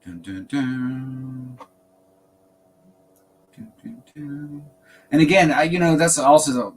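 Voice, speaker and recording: A man chats loosely with his viewers during a live stream, drifting between thoughts and laughing often. His voice sits a little low. He sounds like he is at a desk mic at home. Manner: laid-back, rambling, laughs often. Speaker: fragrance channel host. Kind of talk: casual livestream chat.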